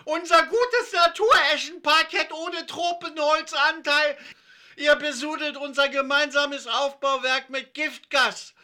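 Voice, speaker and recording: A man's voice: very high voice, fairly even intonation, a little slow, pushed and bright, pitched above the performer's own voice, full character voice. A man voicing an outraged mother who screams and coughs in a storybook reading. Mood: hysterical outrage. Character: furious mother, shrieking about her floor.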